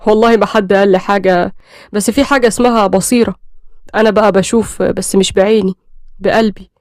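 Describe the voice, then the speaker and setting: A courteous young husband with an Egyptian accent, calm and reassuring in every word, as a woman reads him. The voice comes quick and close, with a dry sound and no room around it. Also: mid-range voice, no room sound, lightly acted. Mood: gentle. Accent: Egyptian Arabic.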